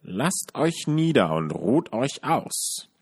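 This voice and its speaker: A man voicing an old witch who speaks in a rasping, falsely friendly way. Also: medium pitch, sing-song, voice pushed up, heavily acted. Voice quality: rasping, slow.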